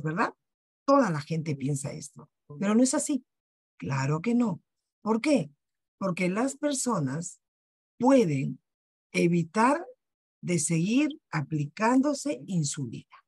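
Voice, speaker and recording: In a sales presentation on a video call, a woman hosting a wellness workshop pitches persuasively and asks rhetorical questions, speaking with a Peruvian Spanish accent. Her fairly low voice has a breathy edge, recorded dry with clean studio quality.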